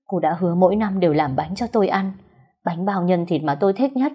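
An anguished young man with a breaking voice, voiced by a woman low and husky. The storybook reading keeps his pleas urgent and hurried. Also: expressive, dark tone. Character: anguished young man, begging a dying friend.

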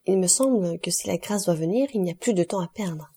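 A woman reading the part of an anxious young gentleman asking questions. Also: on the low side, brisk, husky.

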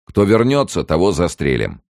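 A man doing a gruff barking border gendarme. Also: low-pitched, very animated, moderate pace, dry recording, clean studio sound, pitched above the performer's own voice. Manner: barking orders, shouting. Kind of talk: audiobook character voice.

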